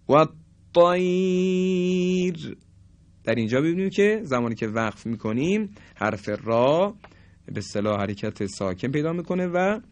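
Male recitation teacher, lively pitch, dry close sound, drawn-out demo words. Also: dry recording. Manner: slow drawn-out demonstration of words. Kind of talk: tajweed lesson, explaining and demonstrating.

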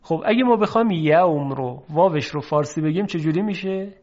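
A man teaching Quran recitation, explaining how letters are pronounced and stretching out example sounds slowly for his students to repeat. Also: a little high, a little mellow, dull audio. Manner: slow, drawn-out demonstration of sounds. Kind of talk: lesson on letter pronunciation.

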